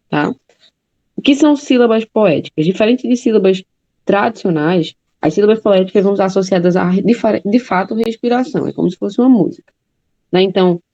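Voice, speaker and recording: A woman teaches a class at a medium pitch, her voice mellow and warm. She explains step by step and keeps checking that her students follow. The recording sounds slightly dull and lo-fi. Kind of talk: classroom lecture.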